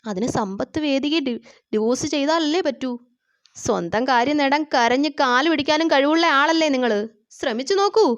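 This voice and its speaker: A defiant wife, read out by a woman who scolds her husband in sharp, cutting questions. The voice sits high, and the recording sounds dull and lo-fi. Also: normal speed, natural voice. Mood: reproachful.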